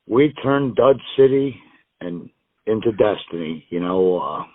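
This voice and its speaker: Speaking on the low side, animated and a little slow, a US wrestler guest laughs often while telling rambling, self-deprecating stories in a casual interview. The tinny, dry phone line has no echo.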